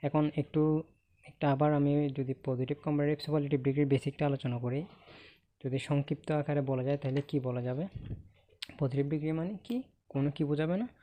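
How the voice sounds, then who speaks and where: A man's voice: medium pitch, dark tone. A man with a Bangladeshi accent teaching English grammar in an online lesson. He asks the class questions, answers them himself, and keeps checking with "okay?". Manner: ends points with a checking "okay?".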